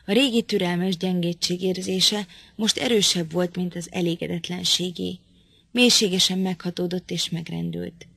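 A woman narrating a classic novel as an audiobook, with measured, even storytelling. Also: on the low side, gravelly, slightly rough, no echo.

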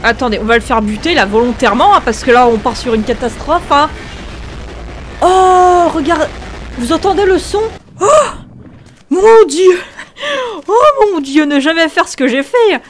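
Excitable high-voiced woman gaming host. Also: unhurried, a little hiss or hum. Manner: excitable, shrieks and laughs at the game. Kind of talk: excitable game commentary.

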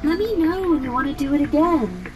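A woman voicing a calm female robot yoga instructor in a video game, speaking in a slow, even, robotic way. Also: sits high, muffled recording. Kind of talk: video game character dialogue. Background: game music.

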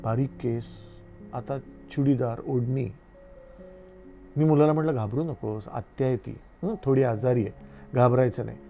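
A middle-aged man from India reads his own essays in a slow, reflective storytelling manner. His voice is gravelly and dark, with soft guitar playing faintly behind him. Pauses sit between his phrases. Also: medium pitch. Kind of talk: literary book reading.

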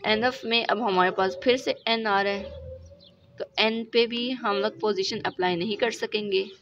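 Slow gravelly woman teaching shorthand. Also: medium pitch, fairly even intonation, a bit bright. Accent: Pakistani Urdu. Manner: slow, repetitive, checks with "ठीक है" after each step. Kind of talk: recorded lesson explaining examples. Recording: dull lo-fi recording with faint noise.

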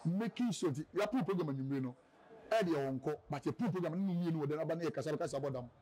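A man's voice: on the high side, racing, mellow, husky, poor audio. A man with a Ghanaian accent, a radio presenter, telling his story in a casual interview and rambling between a local language and English.

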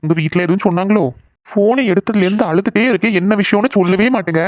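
A young cartoon boyfriend who is gentle and pleading, talking quickly in a slightly high voice, as a man voices him. The sound is narrow and phone-like, with no room echo. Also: lightly acted. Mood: soothing. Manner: soothing and pleading. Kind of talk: cartoon voice acting.

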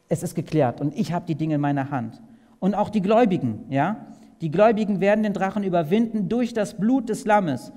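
A man preaching a sermon, asking his listeners direct questions and swinging between loud and soft. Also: high-pitched. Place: large hall at a camp meeting. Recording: long hall reverb.

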